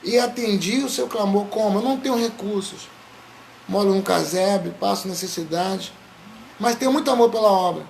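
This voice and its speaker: Preacher doing a poor old devout woman, hushed and gravelly. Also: sits high, normal speed, slight background noise. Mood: humble, quiet.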